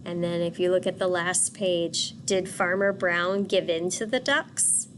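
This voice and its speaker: A woman teacher reading a picture book aloud and pausing to ask children questions. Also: lowish voice, fairly even intonation, slight background noise. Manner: patient, asks questions for children.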